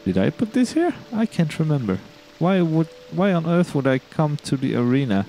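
A man's voice: fairly high pitch, big pitch swings, moderate pace, gravelly, warm tone, slight background noise. A man hosting a video game let's play, chatting casually and rambling, tripping over his words in a giddy, upbeat mood. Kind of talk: casual gameplay commentary.

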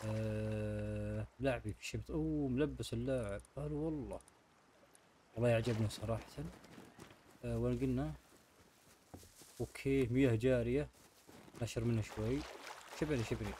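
Man, mid-pitched, casual gamer commentary, noisy track with clicks. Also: warm tone. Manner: chatty, talks to viewers while playing. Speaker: gaming channel host.

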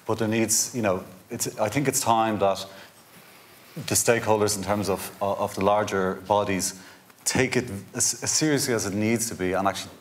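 Man, 30s, low voice, insistent, panel discussion. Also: steady tone, moderate pace. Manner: urgent, insistent, stumbles on restarts. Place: indoor conference stage.

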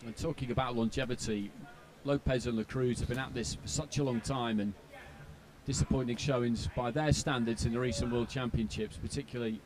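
A man giving live boxing commentary in conversational, analytical, measured phrases. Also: medium pitch, fairly even intonation, noisy background.

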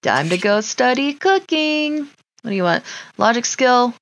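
In casual commentary on a life simulation game, a woman streamer talks to herself and the game's characters in an unhurried, fairly bright voice on the high side with big pitch swings. The recording is muffled, with clear background noise and mouse clicks.

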